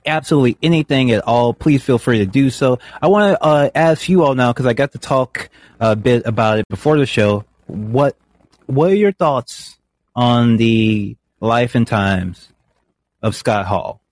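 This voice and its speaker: A man's voice: mid-range voice, animated, a little slow, a little mellow, slight background noise. A man hosting a wrestling call-in podcast, talking casually and enthusiastically to his panel and laughing often. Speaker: podcast host.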